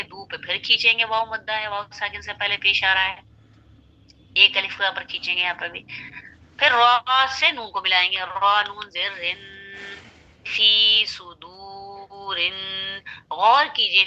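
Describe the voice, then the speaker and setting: A woman's voice: mid-range voice, bright, forceful tone, muffled recording. A woman teaching Quran recitation, patiently spelling out syllables and repeating them.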